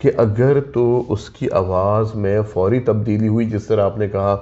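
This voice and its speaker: Low, calm male doctor host; measured explainer; lo-fi audio. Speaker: doctor hosting a health talk. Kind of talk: explanatory health talk. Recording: dull lo-fi sound.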